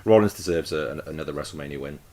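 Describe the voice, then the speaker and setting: A man with a very low voice hosts a relaxed chat show and hands the turn to each guest. He often repeats words while he thinks. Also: rapid-fire. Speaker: podcast host. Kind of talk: casual chat, wrestling predictions.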